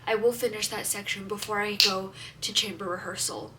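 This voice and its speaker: A young woman in college talking candidly to her camera in a casual vlog, swearing freely and swinging between stress and excitement. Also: medium pitch, a little fast, far from the mic, a little hiss or hum. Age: young adult. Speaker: vlogger, college student.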